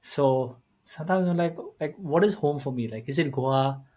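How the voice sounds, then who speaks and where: A man from India in his thirties hosting a podcast, talking in a relaxed, rambling way with lots of fillers. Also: a little high, moderate pace. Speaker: podcast host. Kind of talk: casual conversational interview.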